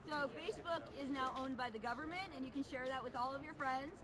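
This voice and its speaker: A woman speaking casually and insistently, stating her claims firmly, heard from a distance amid a loud crowd. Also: high voice, fast. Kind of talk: casual chat.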